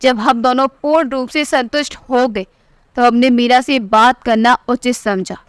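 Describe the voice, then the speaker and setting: A woman narrating a family story in the first person as a storyteller, reading every character's lines in her own voice and lifting her pitch for the quoted speech. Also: measured pace, smooth, no echo. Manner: reads all the dialogue in one voice, pitch rising for quoted lines.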